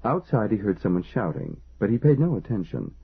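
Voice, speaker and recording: Man, audiobook narration, husky, low pitch, phone-like audio. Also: big pitch swings, a little fast. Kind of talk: scripted narration. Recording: tinny phone-like band.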